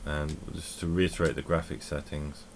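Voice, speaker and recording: A man talks through his gameplay in a deep, low voice, thinking aloud and correcting himself as he goes. A faint hiss sits under the recording. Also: little pitch movement, moderate pace. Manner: rambling, self-correcting, thinking aloud while playing. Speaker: tech vlogger. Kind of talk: casual gameplay commentary.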